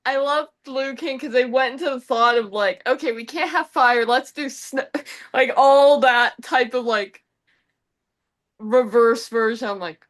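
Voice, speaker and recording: A woman with a high voice conducts a relaxed, informal interview. She speaks slowly, with a playful fan's way of talking. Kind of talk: casual interview.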